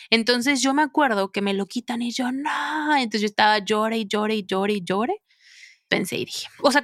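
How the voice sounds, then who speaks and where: Woman, podcast host, personal storytelling, chatty, expressive, middle pitch, dry close sound. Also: no echo. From Mexico. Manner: chatty and expressive, fond of filler phrases.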